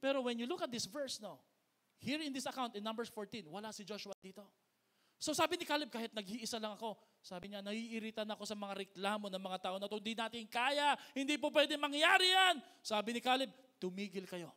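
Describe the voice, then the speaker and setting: Male pastor, high bright voice, code-switching sermon with call-and-response and dramatic swings in volume. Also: animated, brisk. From Philippines. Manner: switches between Tagalog and English, calls the congregation to repeat words; swings from loud emphatic peaks to hushed near-whispers.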